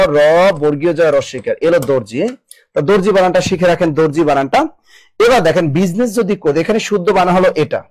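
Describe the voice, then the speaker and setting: A man from Bangladesh teaching a live online spelling class. He urges students on briskly, repeats words and drills them. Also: a little high, poor audio.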